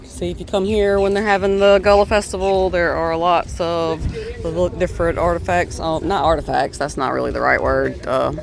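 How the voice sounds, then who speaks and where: Chatty high-voiced man narrating outdoors. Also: level tone, normal speed, creaky, slight background noise. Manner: unscripted, stammering, chatty. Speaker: vlog host. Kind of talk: casual walking-tour narration. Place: outdoors at a waterfront marina, walking.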